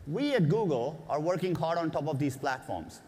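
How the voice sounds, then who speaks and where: Keynote presenter, man, 40s, slightly higher voice, measured and earnest delivery, long hall reverb. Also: lively intonation, darkish tone. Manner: measured, earnest, with occasional "uh" fillers. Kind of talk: keynote speech. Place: large conference stage before an audience.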